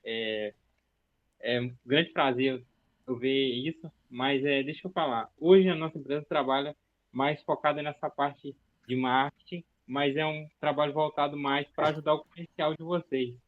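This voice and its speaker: A man practicing a cold call, hesitant and stumbling over his pitch. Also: steady tone, normal speed. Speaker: mentee practicing a sales call. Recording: tinny phone-like sound.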